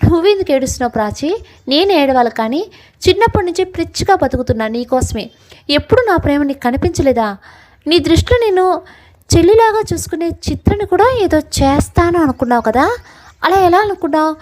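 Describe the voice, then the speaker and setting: A woman's voice: very high-pitched, big pitch swings, brisk, darkish tone, low-quality recording. A woman voicing a heartbroken young man who pleads tearfully and reproachfully with the woman he loves, in a spoken love story. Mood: heartbroken pleading.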